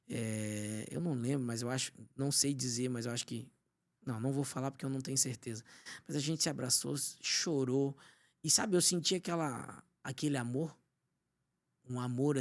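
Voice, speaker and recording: A man from Brazil, a pastor and podcast guest, telling an emotional personal testimony and often dropping to a hushed voice. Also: medium pitch. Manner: storytelling, often drops to a hushed voice.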